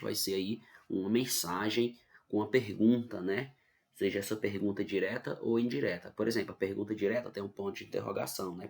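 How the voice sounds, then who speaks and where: A male teacher with a Brazilian Portuguese accent gives an online grammar lesson in a creaky voice on the low side. He explains things patiently and checks in with his students often.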